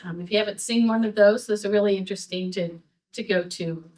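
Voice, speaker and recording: A woman's voice: medium pitch, steady tone, a little fast, a little mellow, recorded from a distance. Woman reading an introduction from afar. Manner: reads from notes with small slips and ums. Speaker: event host introducing the speaker. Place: library event room.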